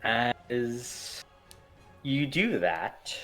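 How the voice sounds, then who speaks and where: A man improvising narration as game master of a tabletop game, haltingly repeating words as he builds suspense. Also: medium pitch, sing-song, fairly bright tone, soft background music, poor audio.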